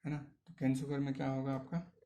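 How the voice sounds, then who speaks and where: A man's voice: medium pitch, completely flat delivery, moderate pace, mellow, highs cut off, a little hiss or hum. Man teaching chemistry, asks and answers himself. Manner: asks questions then answers them, frequent "है ना" tags; mixes English terms into Hindi. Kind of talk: online chemistry lecture.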